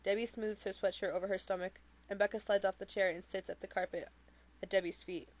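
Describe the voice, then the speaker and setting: A woman reads a novel aloud in the first person. Her reading is steady and plain. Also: mid-range voice, fairly quick. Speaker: reader of a novel.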